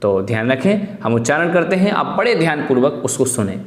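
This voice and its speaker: A man from India teaching a devotional hymn class, explaining pronunciation patiently and chanting the verses slowly. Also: fairly high pitch, sing-song. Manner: patient, repeats words slowly for pronunciation drill. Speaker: religious teacher. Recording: roomy echo with long reverb.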